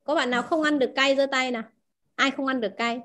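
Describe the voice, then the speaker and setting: High-pitched lady teacher quizzing her class, repeats words a lot. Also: steady tone, quick pace, a bit bright. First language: Vietnamese. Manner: asks the class questions, repeats key words. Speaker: language teacher.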